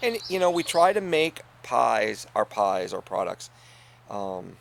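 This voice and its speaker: Very animated yet slow-paced, the inn's middle-aged co-owner talks in a lowish, gravelly voice during an earnest, casual conversation. He laughs often and lets sentences trail away quietly. Slight background noise is present.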